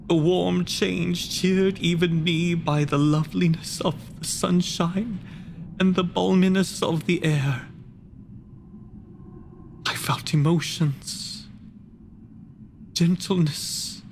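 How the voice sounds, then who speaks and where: An actor playing a bitter, wretched creature spurned by its creator, in a formal, impassioned theatrical monologue with heavy pauses and a creaky voice. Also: male voice, high voice, heavily acted. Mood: wistful. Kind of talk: theatrical literary dramatic monologue. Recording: faint background noise, home video-call performance.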